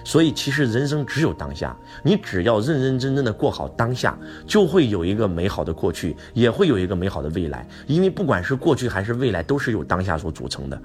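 A man giving a motivational lecture who keeps asking the audience rhetorical questions. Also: on the low side.

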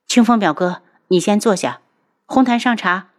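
A woman voicing a young noble lady who speaks calmly and firmly. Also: medium pitch, moderate pace, lightly acted.

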